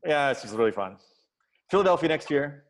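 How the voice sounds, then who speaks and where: Lively upbeat man hosting a call. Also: fairly high pitch, fairly quick. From Washington, D.C. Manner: upbeat, calls on people by name. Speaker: roundtable host, tech coordinator. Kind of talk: casual video-call introductions. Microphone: video call.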